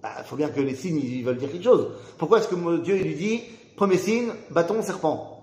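Animated man teaching a Torah class. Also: a little high, a little fast, reverberant. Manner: questions the group, acts out the speakers he quotes.

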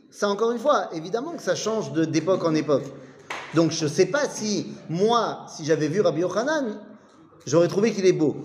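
Lively man teaching in a reverberant room. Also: high voice. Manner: reads Aramaic, then retells it in chatty, joking French. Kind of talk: casual Talmud study lesson.

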